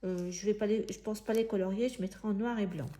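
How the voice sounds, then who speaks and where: A woman giving a casual step-by-step craft demonstration, thinking aloud in halting, searching phrases as she works. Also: mid-range voice, fairly even intonation, dark tone. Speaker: craft tutorial presenter.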